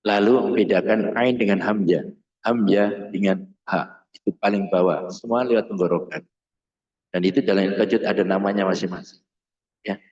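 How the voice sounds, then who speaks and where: A man's voice: on the low side, fairly even intonation, moderate pace, darkish tone. Male recitation teacher, classroom lesson, chants syllable drills, roomy room, dull lo-fi sound. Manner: drills syllables in sung chants, then explains in a plain speaking voice. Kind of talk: classroom lesson on Arabic pronunciation. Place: school classroom. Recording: roomy, muffled room recording.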